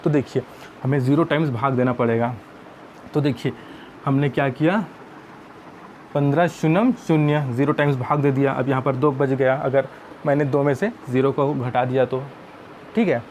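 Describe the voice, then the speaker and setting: A man's voice: mid-range voice, steady tone, moderate pace, long pauses, darkish tone, a little hiss or hum. A man teaching math, explaining each step patiently and often calling viewers friends.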